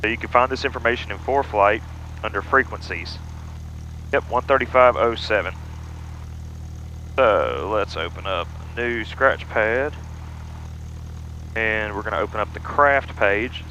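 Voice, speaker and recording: Man, pilot, lowish voice, casual explaining, small-plane cockpit, faint engine noise. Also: measured pace, pauses often, bright, forceful tone, dull audio. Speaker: pilot and flight vlogger. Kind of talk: casual explanatory cockpit narration with radio calls.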